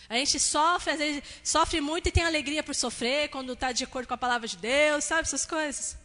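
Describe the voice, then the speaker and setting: High, bright-voiced woman preaching in a reverberant hall. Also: brisk. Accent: Brazilian Portuguese. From Brazil. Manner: chatty, frequent "né?" tags, acts out quotes of family. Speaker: pastor. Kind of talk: sermon with personal stories. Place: church hall.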